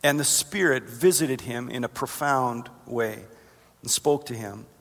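Male pastor, mid-pitched, earnest sermon delivery, long hall reverb. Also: unhurried, creaky, fairly bright tone. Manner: earnest, rises in pitch for emphasis. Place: church sanctuary.

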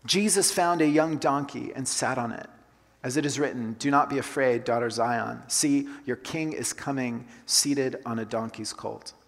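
A man's voice: mid-range voice, normal speed, vocal fry. A pastor who grew up in Colombia gives a conversational sermon, repeating his key phrases for emphasis. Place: church sanctuary. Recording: long hall reverb.

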